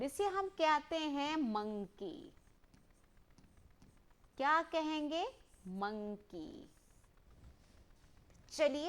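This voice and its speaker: A woman teaching a lesson to young children, asking questions and having the class repeat words after her in drawn-out call and response. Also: high voice.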